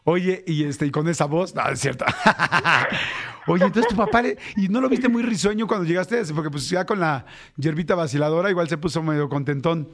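A man's voice: fairly high pitch, normal speed, a bit bright. A man with a Mexican accent hosting a call-in radio show, joking with callers in slangy, laughing talk. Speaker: radio host.

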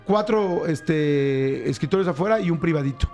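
A man with a Mexican Spanish accent, a radio host telling a story in a casual, animated way and acting out the sounds. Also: fairly high pitch, moderate pace, faint music behind. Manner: animated, acts out sounds and voices. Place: radio studio.

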